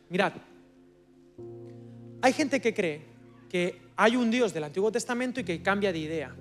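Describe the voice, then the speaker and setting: Spanish-accented guy preaching in church, high voice, goes quiet then loud, some music in the back. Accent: Spanish from Spain. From Spain. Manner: animated, swings from hushed to loud. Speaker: guest preacher. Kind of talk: sermon. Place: church service.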